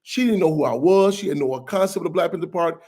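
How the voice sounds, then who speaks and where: A man speaking as an activist guest on a radio talk show, passionate and quick, often repeating and restarting his phrases. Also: a little high, dark tone, breathy edge.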